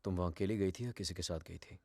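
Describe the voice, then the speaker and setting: An actor playing a worried, short-tempered young husband, talking urgently and mixing Hindi and English. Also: male voice, deep voice, fairly even intonation, fast, gravelly, loud music behind the voice. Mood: exasperated questioning. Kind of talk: film drama acting.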